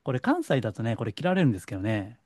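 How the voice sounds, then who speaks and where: Animated man with a Kansai accent. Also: mid-range voice, no room sound, clean studio sound. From Kansai, Japan. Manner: lecturing, animated, slows for stress. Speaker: psychic counselor. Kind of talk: solo monologue to camera.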